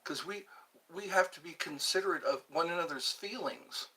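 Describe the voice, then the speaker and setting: A man in his fifties hosts a rambling livestream, chatting with viewers and breaking into bits of old pop songs. His voice sits on the high side at a normal speed, bright and forceful with a breathy edge.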